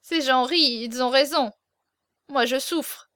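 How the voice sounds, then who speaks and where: A woman's voice: high voice, slow, fairly bright tone, no echo, clean studio sound. A woman reading the part of a small hunchbacked man, hesitant and stammering, with a hidden intensity, in an audiobook. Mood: fervent. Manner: hesitant, stammering, turning fervent.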